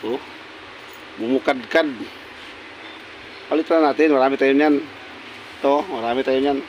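A man at his workbench talks casually as he takes apart a pump, his mid-range voice steady and unhurried. He keeps pointing out old and new parts in quick remarks. A faint hum of the room sits under his voice. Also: medium pitch, lo-fi sound. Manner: talks while working, many short pointing remarks. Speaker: repair technician. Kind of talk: casual repair walkthrough. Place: workshop bench.

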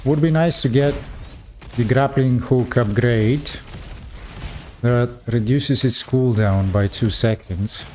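A young man giving casual gameplay commentary, talking straight to his viewers with frequent excited exclamations. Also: mid-range voice, takes it slowly, a little hiss or hum.

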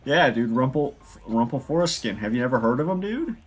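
A young man streaming a game, chatting casually with loud jokes and laughter. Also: medium pitch, brisk, husky. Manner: loud, laughing, joking, lively. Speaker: gaming streamer. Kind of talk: casual chat while playing.

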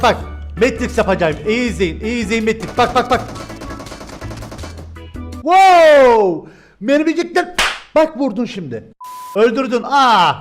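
A young man giving joking, excitable live commentary over his gameplay, often shouting. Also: high voice. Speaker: gaming streamer.

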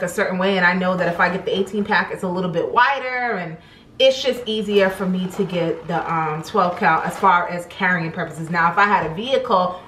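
Picked up by a camera sitting on the table before her, this poor-quality clip captures a young woman in her kitchen chatting about her grocery haul. She sounds fairly low-pitched yet fairly bright, rambling along with plenty of "um" and "like" fillers. The space is reverberant, and there's a little hiss or hum.

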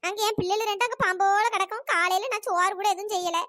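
A woman's voice: steady tone, fast, bright, forceful tone, no echo, clean studio sound. A woman voicing a bossy elder village woman in a cartoon, nagging. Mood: scolding. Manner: scolding, nagging, squeaky cartoon voice. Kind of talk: cartoon dialogue.

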